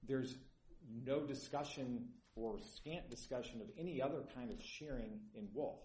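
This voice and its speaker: A man arguing an appeal in court, insistent and halting, growing tired. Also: mid-range voice, darkish tone. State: tiring. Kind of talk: courtroom oral argument. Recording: roomy courtroom recording.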